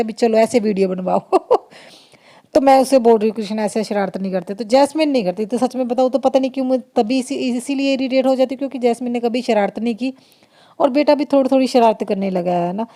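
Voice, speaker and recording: A woman's voice: a little high, warm tone. A woman vlogger and mother chatting through a casual voice-over of her family video, laughing often and restarting her sentences.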